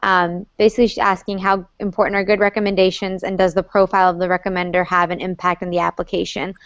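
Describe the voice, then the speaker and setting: A woman's voice: on the low side, flat delivery, fast talker, a bit bright, no echo. A young woman from North Carolina, a student moderating an online Q&A session, reading out questions and passing them to others in a friendly, organized way. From North Carolina, USA. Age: young adult. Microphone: video call. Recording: slightly muffled video call audio.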